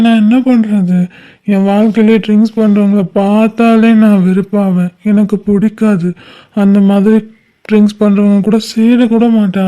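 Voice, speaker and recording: A woman's voice: mid-range voice, warm tone, natural voice. A woman voicing a heartbroken, bitter young man in a homemade cartoon, with a brooding, reproachful way of talking. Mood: brooding sad.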